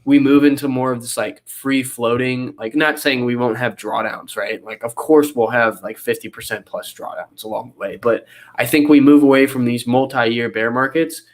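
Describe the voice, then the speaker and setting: In a casual interview over video call, a young guest analyst with a cold describes charts in a nasal voice, medium-pitched and steady at a normal speed. He rambles a lot, filling in with fillers and restarts.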